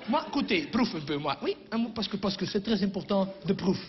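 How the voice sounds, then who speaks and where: A man's voice: high-pitched, very animated, fast, voice pushed up. A man putting on a hammy fake-French male wine waiter who mixes broken French with Dutch words. He giggles between phrases. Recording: dull lo-fi recording, noisy crowd.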